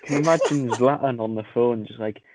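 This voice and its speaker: A man's voice: medium pitch, fairly quick, a little mellow, slight background noise. A man, a podcast guest, talking in a loose rambling way full of fillers and jokes. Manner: rambling, filler-heavy, jokey. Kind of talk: casual podcast chat. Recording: dull lo-fi mic.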